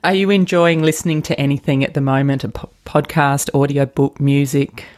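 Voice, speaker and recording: A woman's voice: a bass voice, steady tone, a little fast, darkish tone. A middle-aged woman hosting a podcast interview, asking questions and chatting with short friendly acknowledgements. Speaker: podcast host.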